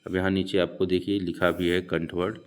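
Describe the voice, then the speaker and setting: A male teacher explaining Hindi grammar for an exam, slowly repeating each rule and its mnemonic for his students. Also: low-pitched, little pitch movement, a little hiss or hum. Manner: slow, repeats mnemonics aloud. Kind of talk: exam prep lecture.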